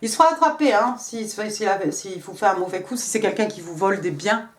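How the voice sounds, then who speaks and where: A woman's voice: mid-range voice, lively intonation, fairly quick, slight background noise. Chatty tarot-reading woman, echoey room. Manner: chatty, many fillers and hein. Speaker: tarot reader. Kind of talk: casual tarot reading to camera.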